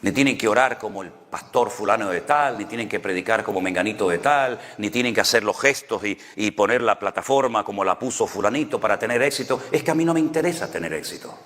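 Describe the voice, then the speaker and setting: The recording has a big-room sound as a Canary Islands pastor delivers a sermon in Canarian Spanish. His voice sits low and a bit bright, animated and quick with few pauses. He tells stories in a conversational way, frequently asking rhetorical questions.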